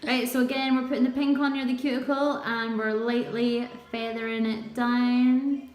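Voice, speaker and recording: A woman's voice: fairly high pitch, level tone, normal speed, reverberant. A woman nail technician giving a chatty live tutorial, quizzing and teasing her viewers.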